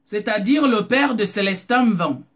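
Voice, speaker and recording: The voice is mid-range, animated and a little bright, moving at a measured pace. It belongs to a live stream host from Cameroon with a Cameroonian French accent who chats casually, repeats words while groping for them, and greets viewers by name.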